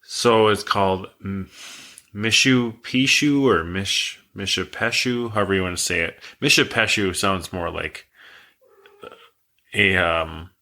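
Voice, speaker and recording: Male podcast co-host, low and bright-toned, relaxed rambling storyteller. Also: a little slow. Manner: relaxed, rambling, reads facts aloud.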